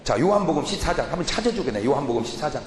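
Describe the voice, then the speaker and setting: A man's voice: fairly high pitch, racing. Fiery preaching pastor, man, echoing hall. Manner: animated preaching, asks the congregation questions and answers them; shouts and scolds in mock anger. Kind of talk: sermon. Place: large church hall. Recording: echoey church hall with room noise.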